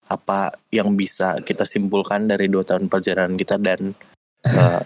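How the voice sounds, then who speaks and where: Pria pembawa podcast berlogat Jakarta, pelan malam hari. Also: male voice, fairly low pitch, dry recording. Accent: Jakarta Indonesian. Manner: hushed late-night talk. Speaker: podcast host. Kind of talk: casual podcast chat.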